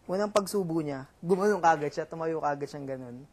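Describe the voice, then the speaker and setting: A young man with a Filipino accent telling a story in casual chat, halting with many fillers and restarts. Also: fairly high pitch, a little mellow. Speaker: reality show housemate.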